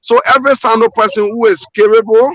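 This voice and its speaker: Liberian guy on a call-in show, high bright voice, keeps restarting, dull dry line. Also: steady tone, no room sound. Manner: earnest, repeats himself, halting restarts. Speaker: port manager guest. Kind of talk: call-in radio interview.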